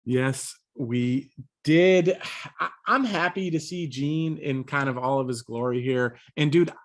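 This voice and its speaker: A man's voice: medium pitch, slow. A man co-hosting a review podcast in a laid-back, slangy way, often repeating words. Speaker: podcast co-host. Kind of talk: casual review chat.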